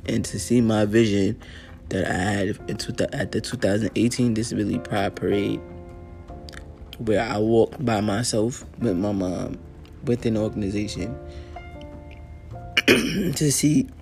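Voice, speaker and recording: A man with a low, gravelly voice tells his own story as host of his show. His delivery is earnest and casual, with many fillers and throat clears, and he sounds a little tired. Faint music plays behind him. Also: moderate pace. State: tired, yawning. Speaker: podcast host.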